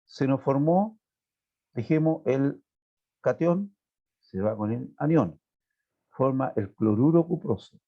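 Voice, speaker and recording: Over a tinny, phone-like line, a man teaches a chemistry class online, explaining step by step and checking in with his students. His mid-range voice is animated but slow, with long pauses.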